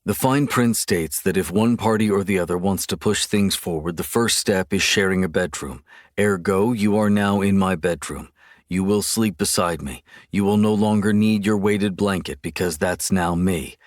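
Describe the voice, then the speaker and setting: This is a domineering, possessive husband from an audiobook romance, read by a man. The voice sits very low and lays down firm, clipped declarations as if nothing is up for debate. The sound is dry and close to the mic. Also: normal speed, no room sound, close to an everyday voice. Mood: commanding. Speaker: audiobook narrator voicing male characters. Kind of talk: audiobook character reading.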